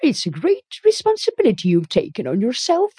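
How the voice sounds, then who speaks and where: A woman's voice: high-pitched, very animated, unhurried, darkish tone, dry recording, clean studio sound, voice pushed up. A woman voicing an outspoken, disapproving older woman neighbor in a storybook reading, emphatic and blunt. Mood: gloomy. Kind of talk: audiobook character reading.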